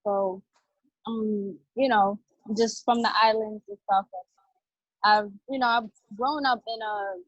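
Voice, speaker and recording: A woman from Barbados asking a question on a webinar, offering greetings and pausing with fillers as she goes. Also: mid-range voice, no room sound. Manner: warm greetings, hesitant with fillers. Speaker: webinar participant. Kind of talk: video-call question. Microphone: video call. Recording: dry, dull video-call audio.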